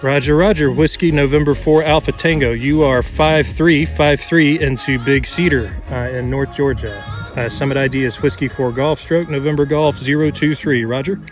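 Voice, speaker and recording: A man making ham radio calls outdoors on a mountain summit, reading call signs in the phonetic alphabet and giving signal reports in a steady, clipped way. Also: a little high, normal speed, faint music behind.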